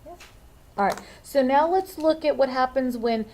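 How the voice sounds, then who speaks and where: A woman's voice: high voice, moderate pace, darkish tone, rough recording. A woman teaching a math lesson, thinking aloud and checking in with frequent "okay?"s.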